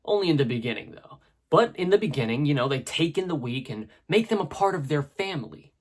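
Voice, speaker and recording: Husky man narrating a video essay. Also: a little high, expressive, a little fast. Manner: conversational and analytical, with asides.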